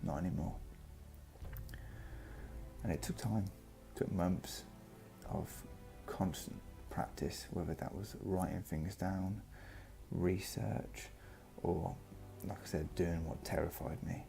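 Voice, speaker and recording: Deep, gravelly man telling his story. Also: fairly even intonation, slow, mellow. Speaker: vlogger. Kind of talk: personal vlog monologue, reflective storytelling. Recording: music behind the voice.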